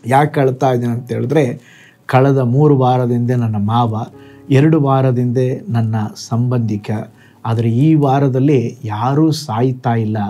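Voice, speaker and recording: A man voicing an adult friend who is weeping in a short anecdote, explaining himself in a rushed, plaintive way. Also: medium pitch, steady tone, warm tone, soft background music. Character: weeping man grieving lost windfalls, adult.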